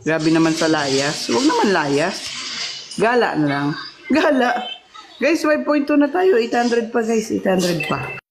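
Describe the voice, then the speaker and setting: A woman's voice: medium pitch, sing-song, measured pace, noisy background. A woman hosting a casual livestream off camera, chatting, greeting and thanking viewers, and teasing them playfully. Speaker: livestream host. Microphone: phone, off camera voice-over.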